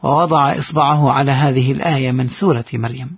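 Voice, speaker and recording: A man's voice: mid-range voice, steady tone, quick pace, slightly rough, no room sound, lo-fi sound. A man narrating a heartfelt first-person story in an earnest voice.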